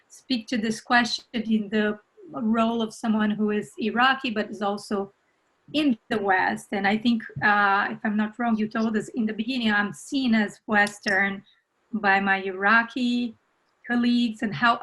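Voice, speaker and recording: A woman's voice: medium pitch, a bit bright, low-quality recording. Hesitant woman moderating a panel. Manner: polite, halting, many fillers.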